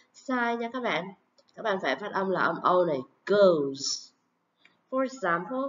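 A woman teaching English pronunciation, saying model words and example sentences slowly and carefully. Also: medium pitch. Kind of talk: pronunciation lesson. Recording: dull lo-fi recording.

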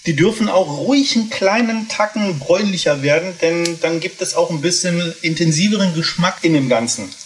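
A man's voice: on the high side, normal speed, hardly any pauses, a little hiss or hum. Chatty man walking through a recipe. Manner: chatty, explains steps while cooking. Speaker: cooking channel host. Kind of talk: casual cooking tutorial. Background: food sizzling in a pan.

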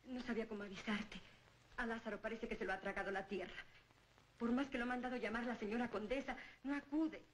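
An actress playing a devoted, anxious maid, earnest and deferential, in an old gothic horror film. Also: female voice, a little high, steady tone, fast talker, natural voice. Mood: anxious, confiding. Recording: noisy old film soundtrack.

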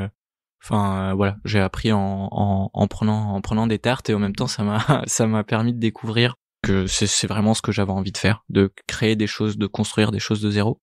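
Man in his thirties, halting. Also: lowish voice, no room sound, studio quality. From Italy. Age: 30s. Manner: hesitant, many fillers and repeated words. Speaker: guest, startup co-founder. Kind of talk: casual interview answers.

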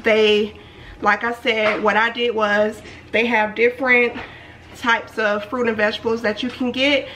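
A woman vlogger talks casually to her camera at home, saying y'all and filling pauses with ums. Her voice sits a little high. A faint hiss of background noise runs under the recording. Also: little pitch movement, pushed and bright, poor audio. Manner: chatty, says "y'all", frequent ums. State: a little out of breath. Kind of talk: casual vlog haul. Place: at home, in and out of doors.

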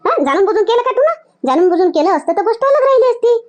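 Rural comedy skit: a woman as a scolding, protective mother, Varhadi Marathi accent, very high and fast. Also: very animated, a little mellow. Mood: firm. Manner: scolding, insistent, repeats points. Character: village mother, firm and protective of her daughter.

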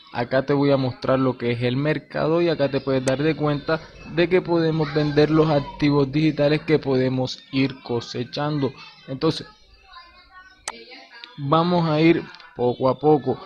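In this screen-recorded tutorial, a man who hosts crypto game tutorials guides viewers through an on-screen game, speaking casually and with slang. He talks a little slowly in a medium, slightly mellow voice with fairly even intonation, captured on a dull lo-fi recording with faint hiss.

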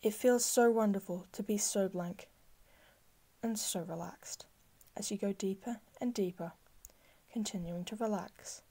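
A woman slowly guiding a listener into trance with soft, soothing, repetitive phrasing, sometimes dropping to a breathy whisper. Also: mid-range voice. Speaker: hypnosis guide. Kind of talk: slow guided hypnosis script.

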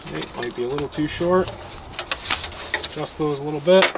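This young man's voice runs somewhat high with some vocal fry, and he's giving a laid-back, hands-on how-to outdoors in the snow by a vehicle. As a gear maker showing his product, he stops and restarts while working. A camera mic several steps away records him from a distance, with outdoor noise around.

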